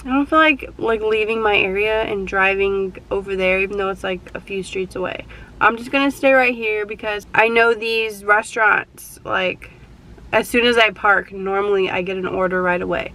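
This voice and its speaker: A woman's voice: medium pitch, normal speed, bright, forceful tone, poor audio. A young woman chatting casually to viewers while she sits in her car between delivery orders, rambling and full of "like" fillers. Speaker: delivery driver vlogger. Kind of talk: casual chat while driving. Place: inside a parked car.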